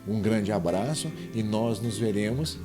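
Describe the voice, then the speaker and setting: A man with a Brazilian accent teaching a Portuguese grammar lesson. He speaks straight to the viewer and drags out example words slowly so they can be clearly heard. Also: fairly low pitch, music in the background. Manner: didactic, spells words out slowly and addresses the viewer directly.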